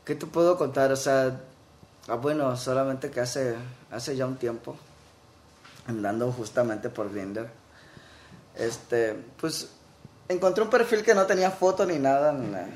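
A man's voice: mid-range voice, unhurried. A man with a Mexican Spanish accent, telling a story in a casual chat with wry, dry humor. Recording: echoey room.

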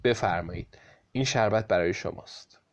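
A man's voice: on the low side, voice pushed down, lightly acted. A man voicing a greedy male judge who fawns over his master and bosses others, in a storybook reading. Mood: fawning. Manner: servile to the devil, bossy to others.

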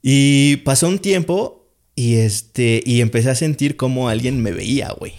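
A man's voice: mid-range voice, a little slow, darkish tone. A man with a Mexican accent, a podcast guest telling a story in casual chat, rambling and slangy with lots of fillers.

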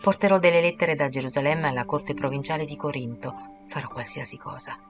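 An ardent young man, commanding yet tender, read by a woman. The voice sits low and speaks gently and earnestly. Clear music plays under the audiobook reading. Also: fairly quick, natural voice.

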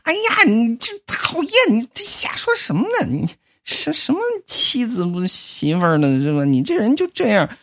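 A woman's voice: on the high side, wildly swooping pitch, moderate pace, voice pushed up, full character voice. A woman voicing a coy, scatterbrained young maid who talks in a coquettish, giggly sing-song, in comic storytelling. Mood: bashful.

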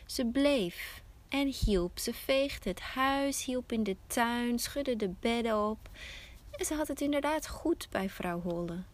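A woman hosting a podcast, telling a fairy tale slowly and softly, often close to a whisper. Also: a little high, expressive. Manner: slow, soft storytelling, often near a whisper. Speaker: podcast host and storyteller.

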